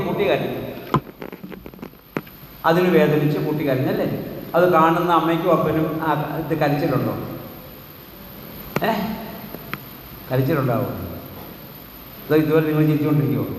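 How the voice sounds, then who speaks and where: A preaching man in an echoing hall. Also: on the high side. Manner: rhetorical, asks congregation questions. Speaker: priest. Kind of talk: sermon. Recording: heavy hall echo, faint noise.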